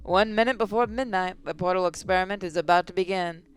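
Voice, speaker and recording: A young woman voicing a nervous, excitable young female inventor, narrating in first person with a breathless, shaky voice. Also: lowish voice, quick pace, clean tone, faint music behind, lightly acted. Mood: brooding. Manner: breathless, voice shaking when excited.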